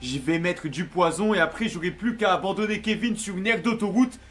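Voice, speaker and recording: A man's voice: sits high, a little fast, a bit bright, faint music behind. A man acting out short comedy sketches, playing every character and switching between voices. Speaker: comedy sketch creator voicing all parts.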